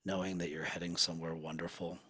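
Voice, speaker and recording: A man leading a guided hypnosis session in a slow, soothing, hushed manner. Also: low voice, flat delivery, breathy edge.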